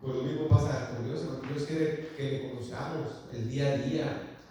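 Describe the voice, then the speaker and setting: A man preaching a sermon in earnest, calling the congregation brothers and filling his pauses with hesitations. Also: medium pitch, dark tone, slight background noise. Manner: earnest, addresses the congregation as brothers, many filler words. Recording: echoey hall, mic far off.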